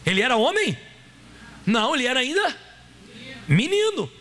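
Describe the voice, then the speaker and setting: A man's voice: extremely high pitch, wildly swooping pitch, moderate pace, pushed and bright. A Brazilian man preaching a sermon as pastor, rising and dropping dramatically and acting out quoted voices. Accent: Brazilian Portuguese. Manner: preaching with dramatic rises and drops, acting out God's voice.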